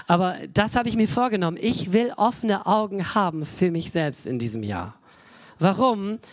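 A woman's voice: mid-range voice, no echo. Conversational woman preacher in her forties. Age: 40s. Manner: conversational, addresses the congregation directly; frequent filler sounds and self-corrections. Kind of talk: sermon.

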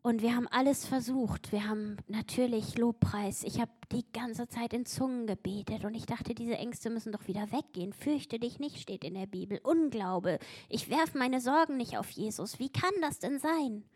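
A woman's voice: a little high, normal speed, hardly any pauses, darkish tone, breathy edge. A woman preaching a sermon with emphatic delivery, acting out quotes with mounting intensity. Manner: emphatic, acts out biblical quotes with rising intensity.

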